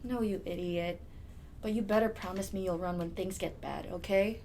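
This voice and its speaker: A young woman plays an anxious, skeptical student in a stage drama. The pitch is average for a woman, over a faint low rumble. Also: fairly even intonation, normal speed, darkish tone, close to an everyday voice. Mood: grudging. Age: young adult. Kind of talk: scripted stage drama dialogue.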